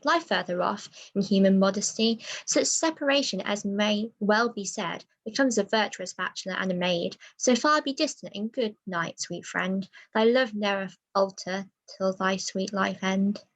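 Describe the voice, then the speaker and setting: A woman reading a gently teasing young woman. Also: medium pitch, poor audio. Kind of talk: amateur Shakespeare read-through.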